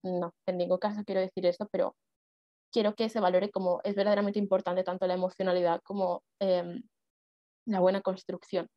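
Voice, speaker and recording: A woman's voice: fairly low pitch, flat delivery, brisk, no room sound, dull audio. A woman giving a workshop on public speaking, explaining casually with fillers and rhetorical questions. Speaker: speech workshop instructor and speech judge.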